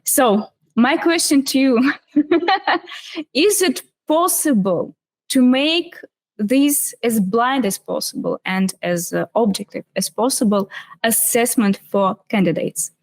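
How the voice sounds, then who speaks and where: A woman's voice: fairly high pitch, expressive, slow. A woman from Russia with a Russian accent, hosting an interview and asking long, hesitant questions. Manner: hesitant, many fillers, laughs often. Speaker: podcast host.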